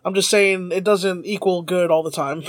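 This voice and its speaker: A man with a notably high voice talks in loose, casual podcast banter, laughing often and swearing freely. He is recorded close and dry, with no room sound around him. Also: fairly even intonation, normal speed, no echo. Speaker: podcast co-host.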